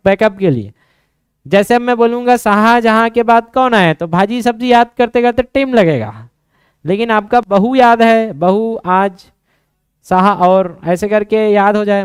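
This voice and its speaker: High-voiced man drilling history mnemonics. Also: clean tone, no echo, studio quality. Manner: drills students with quick questions and mnemonics. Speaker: teacher. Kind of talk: exam-prep lecture.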